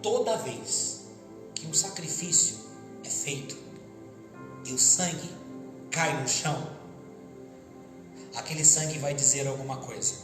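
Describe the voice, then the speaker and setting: A Brazilian man preaching a lively sermon as pastor, calling for responses from the congregation and acting out voices. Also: a little high, unhurried, pauses often. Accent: Brazilian Portuguese. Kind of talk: Pentecostal sermon. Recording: echoey hall with music behind.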